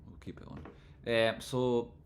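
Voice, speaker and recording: A man with a broad Scottish accent hosting a livestream, talking informally and loosely, not always crisply enunciated, as he comments on charts and chats with viewers. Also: medium pitch, slow pace, a little hiss or hum. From Scotland. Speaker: livestream host and trading analyst. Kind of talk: live chart commentary and casual chat with viewers.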